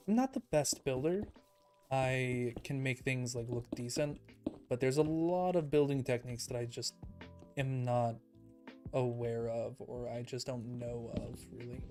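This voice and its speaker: Relaxed man narrating his gameplay. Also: medium pitch. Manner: relaxed, self-deprecating, thinking aloud. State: a little out of breath. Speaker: let's play streamer. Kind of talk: casual gameplay commentary. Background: background music.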